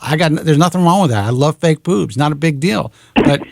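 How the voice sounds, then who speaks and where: A man's voice: a little high, animated, a little fast, vocal fry, darkish tone, dry recording. A man in his forties hosting a radio talk show, talking frankly and bluntly and swearing casually. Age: 40s.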